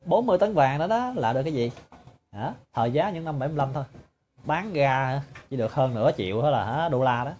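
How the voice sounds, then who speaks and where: A man's voice: mid-range voice, animated, quick pace, darkish tone, slight background noise. A man giving a sarcastic, mocking monologue to his viewers. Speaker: political commentator.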